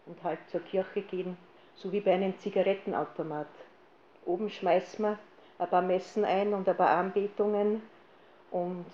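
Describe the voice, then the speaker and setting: A woman with an Austrian German accent gives a personal faith testimony to an audience, telling her story in a lively way and acting out what she once said. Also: lowish voice, reverberant, lo-fi sound, slight background noise. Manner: lively storyteller who acts out her own past lines. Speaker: speaker giving a testimony.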